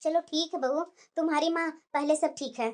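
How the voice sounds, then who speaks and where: A woman's voice: high-pitched, steady tone, normal speed, lightly acted. Woman voicing a complaining old grandmother. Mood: lamenting. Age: older. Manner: lamenting, plaintive. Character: old grandmother, worried and complaining mother-in-law.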